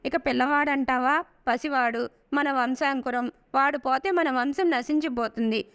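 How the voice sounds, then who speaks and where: A woman's voice: high-pitched, a little slow, fairly bright tone, smooth. A woman voicing a poor brahmin father who speaks earnestly and sorrowfully. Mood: grieving. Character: poor older brahmin man, grieving father.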